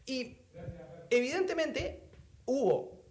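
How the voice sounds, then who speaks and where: A man with a Uruguayan accent, hosting a casual political chat podcast, talking quickly with lots of fillers and restarts. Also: very high voice, reverberant. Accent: Uruguayan Spanish. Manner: fast, animated, many fillers and restarts. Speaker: podcast host.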